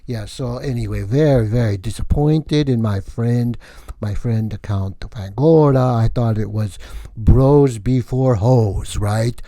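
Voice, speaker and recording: A man's voice: mid-range voice, unhurried, mellow, dry recording, close to an everyday voice. Count Vlad, a man doing a wacky vampire. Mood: aggrieved. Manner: rambling, jokey, self-mocking. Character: boastful male vampire count, wacky comedian. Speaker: comedian character. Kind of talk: comic monologue.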